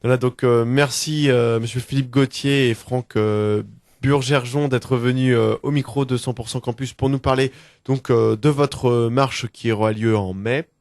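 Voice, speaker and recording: Un homme qui mène une interview à la radio sur un ton de conversation, un peu hésitant. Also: male voice, mid-range voice, steady tone, moderate pace, darkish tone, dry recording, clean studio sound. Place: close dry radio microphone.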